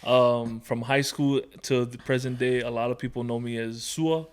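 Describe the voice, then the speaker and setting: A man from Hawaii, likely in his thirties, chats as a podcast guest, telling stories in a relaxed, rambling way full of fillers. His medium-pitched voice moves at a moderate pace with a clean tone.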